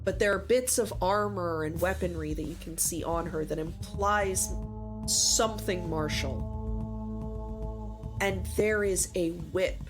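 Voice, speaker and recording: A woman narrates a tabletop role-playing game at a deliberate, unhurried pace, painting scenes with careful pauses. Her voice sits on the lower side for a woman, and music plays clearly behind her. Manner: descriptive, measured, with searching pauses. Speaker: game master. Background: background music.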